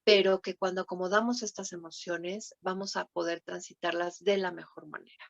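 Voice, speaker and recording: A woman's voice: fairly low pitch, fairly even intonation, normal speed, vocal fry, no room sound. A woman with a Mexican Spanish accent giving a conference talk on thanatology. She keeps asking the audience tag questions as she teaches. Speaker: thanatology lecturer. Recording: dull lo-fi sound, dry room.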